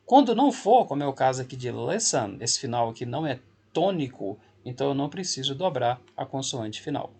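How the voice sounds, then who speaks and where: Guy teacher going over verb rules slow and patient, kinda husky voice, mid pitch. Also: big pitch swings, a little mellow. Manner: patient, reassuring, repeats key points. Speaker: English teacher. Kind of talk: classroom lesson explanation.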